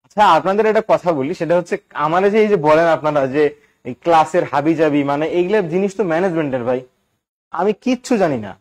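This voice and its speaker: Male grammar tutor, high voice, chatty, keeps quizzing the class. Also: expressive, fast talker. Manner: chatty, quizzes students with questions. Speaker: English grammar teacher. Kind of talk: live online class.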